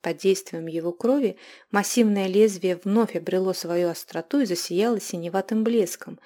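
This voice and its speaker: A woman narrating a dark fantasy audiobook in a measured, even reading. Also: medium pitch. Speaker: audiobook reader. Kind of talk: scripted narration.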